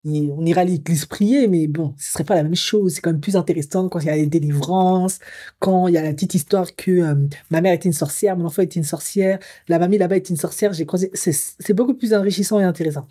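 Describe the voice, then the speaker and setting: A woman from Africa, a psycho-emotional coach, speaks fast in a low, husky, dark voice for a commentary vlog, partly reading an article aloud. She muses hesitantly, thinking aloud with frequent fillers.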